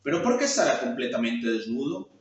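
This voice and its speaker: A man's voice: mid-range voice, big pitch swings, brisk, voice pushed down, close to an everyday voice. A man voicing a crowd of gossiping, mocking townsfolk while reading a tale aloud, in a chattering, teasing manner, recorded far off in a very echoey room.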